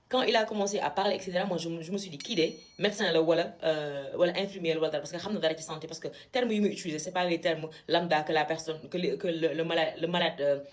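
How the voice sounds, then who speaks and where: A young woman from Senegal, a medical student, telling a story casually and with indignation, switching between French and Wolof. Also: fairly low pitch. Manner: animated, indignant retelling.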